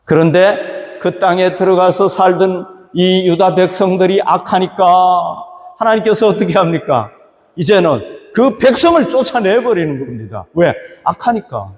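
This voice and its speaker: A man's voice: high voice, lively intonation, moderate pace, long reverb tail. A male pastor preaching a sermon, asking rhetorical questions and rising for emphasis. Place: church hall.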